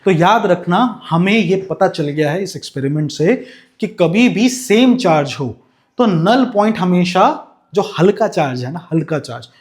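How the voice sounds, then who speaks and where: A man's voice: high voice, animated, a little mellow. A young man teaching physics in a lecture, calling students "beta" and asking questions he then answers himself. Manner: slows down to dictate notes in English. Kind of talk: classroom lecture with animation.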